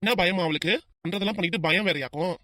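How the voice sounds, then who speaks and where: A woman's voice: on the low side, fast talker, pushed and bright, dry recording, studio quality. A woman voicing a hot-tempered middle-aged father in a cartoon, scolding his family with threats. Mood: angry. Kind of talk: cartoon voice acting.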